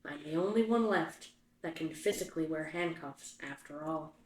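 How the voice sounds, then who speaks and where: A woman's voice: deep voice, moderate pace, a little hiss or hum, close to an everyday voice. A woman voicing the patient, mildly dry caretaker of a ghost town in a puppet stage play. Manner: mild, patient, gently dry hosting. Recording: roomy echo.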